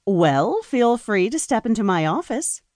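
A woman's voice: a little high, big pitch swings, measured pace, darkish tone, no echo, clean studio sound, pitched above the performer's own voice. Woman voicing a stubborn young doctor. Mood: resolute. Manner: lilting, polite but unyielding.

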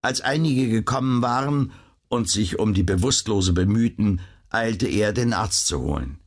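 Low, husky male audiobook narrator. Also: lively intonation, measured pace. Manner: dramatic storytelling. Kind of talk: scripted narration.

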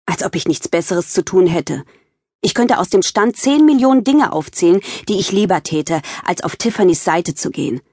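A woman narrating a children's audiobook in the first person, with lively, expressive storytelling. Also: fairly low pitch, moderate pace, husky, no echo, clean studio sound.

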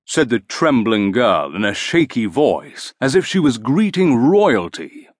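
Slow, lively male storybook narrator. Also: medium pitch, no echo, clean studio sound. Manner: slow, expressive. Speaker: audiobook narrator.

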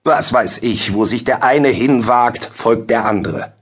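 A man's voice: medium pitch, unhurried, slightly rough. A man voicing a flustered, sly old village judge who blusters and dodges questions. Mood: grumbling. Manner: blustering, evasive.

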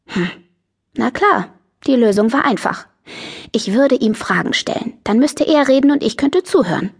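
A woman narrating a teen novel in the first person, lively, chatty and self-mocking. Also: on the high side, moderate pace, gravelly, breathy edge. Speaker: audiobook narrator.

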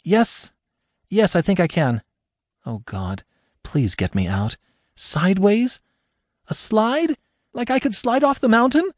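A man's voice: medium pitch, big pitch swings, slow pace, long pauses, a little mellow, breathy edge, dry recording, clean studio sound, heavily acted. A male narrator voicing a panicked young woman stranded in a crashed car, pleading frantically for help. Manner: frantic, pleading, breathless cries.

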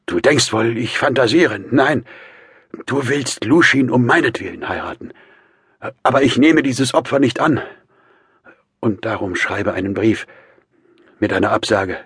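A man's voice: medium pitch, animated, a little slow, pauses often, a bit bright, breathy edge, no echo, clean studio sound, pitched above the performer's own voice, full character voice. A man voicing a feverish, defiant young man in an audiobook, speaking in a strained, insistent way. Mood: bitter. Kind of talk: audiobook character voice.

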